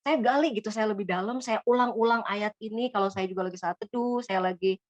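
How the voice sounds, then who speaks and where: Fast-talking woman from Bogor. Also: medium pitch, no room sound, lo-fi sound. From Bogor, Indonesia. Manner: chatty, many fillers and hesitations. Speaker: guest giving a testimony. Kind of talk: casual spoken testimony.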